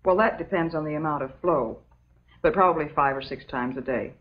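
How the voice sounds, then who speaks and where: An actress with a low voice and American accent lightly acts the part of a calm, motherly substitute teacher in an old educational film. She patiently delivers a scripted lecture, prim and measured in tone, with the muffled, dull sound typical of such soundtracks.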